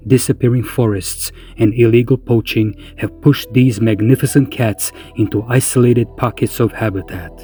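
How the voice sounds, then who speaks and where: A man narrating a scripted wildlife documentary in a measured, solemn way with deliberate phrasing. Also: medium pitch, mellow.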